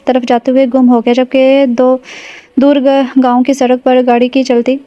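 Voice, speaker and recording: Woman audiobook narrator, high flat delivery, dull dry recording. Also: no echo. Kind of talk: novel narration.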